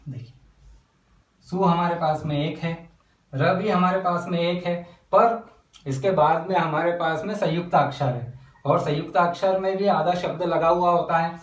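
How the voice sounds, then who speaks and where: A man teaching a lesson on counting syllables in verse, speaking slowly and breaking words into syllables as he writes them out. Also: a little high, roomy sound, recorded from a distance, low-quality recording. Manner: slow, spells out syllables while writing. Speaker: Hindi poetry teacher. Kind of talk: whiteboard lesson.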